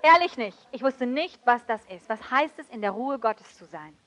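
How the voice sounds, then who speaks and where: High, bright, emotive woman preacher. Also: lively intonation, moderate pace. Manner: emotive, swings from loud outbursts to soft near-whispers; switches briefly into English. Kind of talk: sermon.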